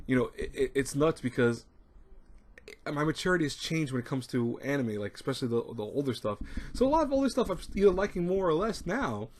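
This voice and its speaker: A man's voice: fairly high pitch, big pitch swings, a little fast. A man of thirty talking casually to his webcam from a small room at home, rambling and repeating himself with lots of fillers. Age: 30s. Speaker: anime review channel host. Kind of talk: casual talk to camera. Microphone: webcam at desk. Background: people talking nearby.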